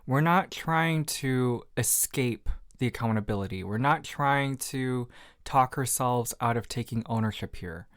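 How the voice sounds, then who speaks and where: Slow, candid podcast host. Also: male voice, mid-range voice, a bit bright, dry recording, clean studio sound. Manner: reflective, candid, self-deprecating, with frequent fillers. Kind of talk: solo podcast talk.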